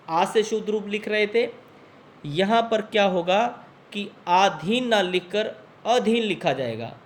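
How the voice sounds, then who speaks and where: A male teacher runs a spelling class for students preparing for exams. He talks at an unhurried pace in a fairly high voice, naming each word, correcting it and saying it again slowly. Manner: slow, deliberate, spells words out and repeats them. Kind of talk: spelling lesson for exam students.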